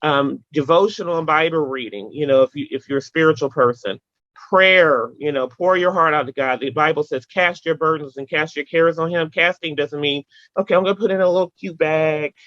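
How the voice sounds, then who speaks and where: A woman guest in a casual interview, telling animated stories with emphatic repetition and playful sound effects. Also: sits low, normal speed, no echo, lo-fi sound.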